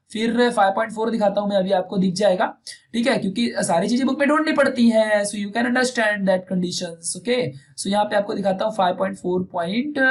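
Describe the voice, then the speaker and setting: A man teaching a lesson in a casual, chatty way, often checking in with "okay" and talking to students like friends. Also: very high voice. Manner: chatty, repeats "okay" often, mixes in English.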